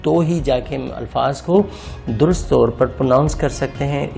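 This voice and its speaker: Speaking in a slightly high, gravelly yet mellow voice, this man walks viewers through English grammar on slides. He addresses them as friends and patiently repeats words, splitting each into syllables.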